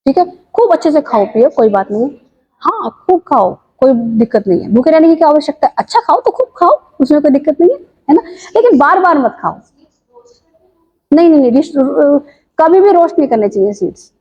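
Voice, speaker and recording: A woman teaching yoga and diet in an informal talk, asking listeners lively rhetorical questions. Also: high voice, a little fast. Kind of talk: informal health talk to viewers. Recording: dull lo-fi sound.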